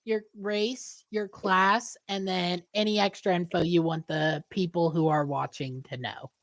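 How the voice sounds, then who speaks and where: A woman's voice: lowish voice, steady tone, unhurried, no echo. A woman running a tabletop game as game master, guiding the players step by step over an online voice call. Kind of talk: casual tabletop game chat.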